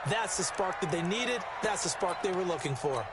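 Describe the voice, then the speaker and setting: A man's voice: high-pitched, expressive, normal speed. A man with an American accent acting as a colloquial, explanatory color analyst in a football video game. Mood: analytical. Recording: loud crowd and game noise.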